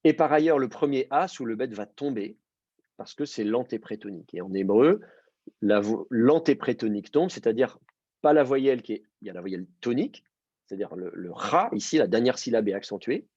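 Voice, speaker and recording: A man teaching a Hebrew reading class, explaining step by step and often pausing with fillers. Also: mid-range voice, expressive, dark tone, breathy edge, no room sound. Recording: dull lo-fi dry sound.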